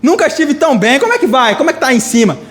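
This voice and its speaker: A man's voice: very high voice, sing-song, racing, pitched above the performer's own voice. A Brazilian man voicing a flustered, evasive Adam who stammers out cheerful denials. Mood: nervous.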